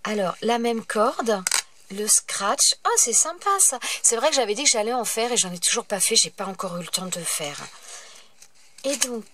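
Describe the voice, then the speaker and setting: A woman's voice: mid-range voice, normal speed, a bit bright. A woman who hosts a craft channel, with a stuffy nose from a cold, chatting casually as she opens her mail and breaks into delighted exclamations. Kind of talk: casual mail-opening vlog.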